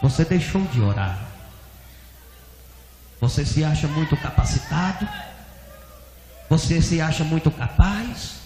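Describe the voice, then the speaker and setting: Casual: preacher doing god's voice scolding a pastor, slow and heavy, lots of echo. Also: male voice, high-pitched, full character voice. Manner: slow, solemn, emphatic rebuke. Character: stern voice of God rebuking a pastor. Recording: echoey hall, faint noise.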